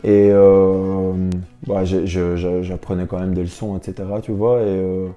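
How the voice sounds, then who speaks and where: The recording sounds lo-fi, with soft music underneath a young man's low, level voice at a measured pace. A professional basketball player, he speaks informally and reflectively in an interview, repeating words as he pieces his sentences together.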